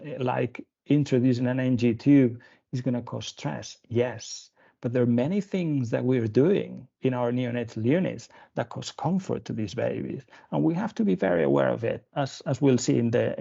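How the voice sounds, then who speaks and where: A pediatrician from Spain giving a webinar lecture, talking through slides with many fillers and restarts. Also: male voice, medium pitch, vocal fry, dark tone, slightly rough. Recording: dull lo-fi webinar audio.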